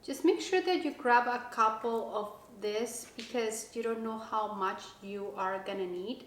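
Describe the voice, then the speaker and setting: A woman giving a casual step-by-step craft tutorial, talking in a relaxed way with many fillers and restarts. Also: fairly high pitch, measured pace. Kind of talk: casual how-to instruction. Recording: echoey room with faint background noise.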